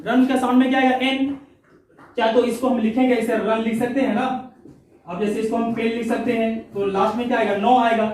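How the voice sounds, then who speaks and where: A man's voice: extremely high pitch, a little mellow. A man teaching English pronunciation in an online lesson, explaining step by step and answering his own questions. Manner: explains step by step, repeats words, asks and answers himself. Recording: very echoey room, voice far from the mic.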